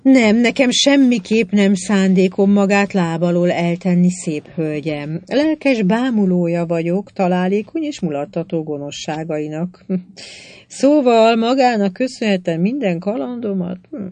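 A woman reading an audiobook, voicing a calm, dry-witted English adventurer who speaks slowly and deliberately, stressing each word. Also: medium pitch, no echo, natural voice.

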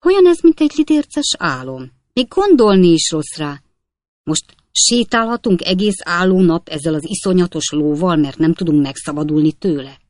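A woman voicing an excitable, indignant old gentleman who shouts in high-strung bursts. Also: dry recording, studio quality, natural voice.

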